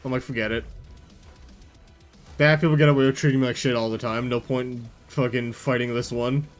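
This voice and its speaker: A man's voice: medium pitch, steady tone, quick pace, soft background music. A man telling a casual story, rambling, packing his speech with "like" and swearing freely. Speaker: VTuber telling a work story.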